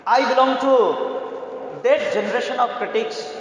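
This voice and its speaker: A man from Nepal speaking, giving a formal, measured talk as a literary critic on a festival panel. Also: very high-pitched, dull audio. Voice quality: measured, deliberate delivery with pauses. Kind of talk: formal conference speech. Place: large conference hall. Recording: very echoey hall, faint noise.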